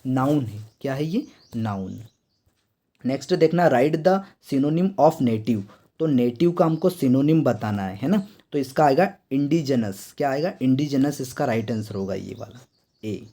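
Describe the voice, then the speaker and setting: A young man from India with an Indian accent, explaining an entrance exam answer key. His voice is mellow and somewhat dark at a middling pitch. He quizzes his listeners with repeated questions and slows down for each English sentence. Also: lively intonation. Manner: repeats quiz questions to students, reads English items slowly. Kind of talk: exam answer walkthrough lesson.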